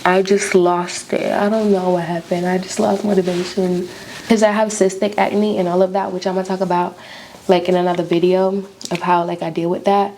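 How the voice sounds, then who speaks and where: Low-voiced young American woman, casual vlogger. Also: little pitch movement, moderate pace, a little mellow, slight background noise. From Florida, United States. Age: early 20s. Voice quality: slight lisp from retainers. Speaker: YouTuber, beauty vlogger. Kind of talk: casual chatty vlog while doing makeup.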